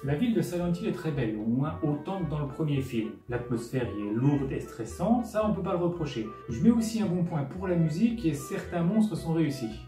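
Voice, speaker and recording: A man's voice: on the high side, lively intonation, brisk, hardly any pauses, warm tone. A man narrating a scripted comedic film recap as host, sarcastic and full of casual asides, with music underneath. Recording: roomy echo, music underneath.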